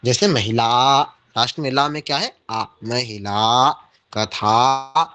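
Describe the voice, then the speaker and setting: A man teaching an online Sanskrit class, reciting word pairs slowly and carefully, then explaining each meaning. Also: mid-range voice, bright, forceful tone, smooth.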